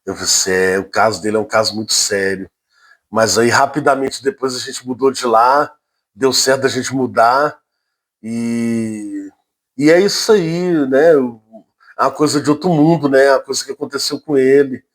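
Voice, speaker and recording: A man with a Brazilian accent casually recounting a strange personal experience, halting and repeating his words, with frequent emphatic asides. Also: medium pitch. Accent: Brazilian Portuguese. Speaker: storyteller.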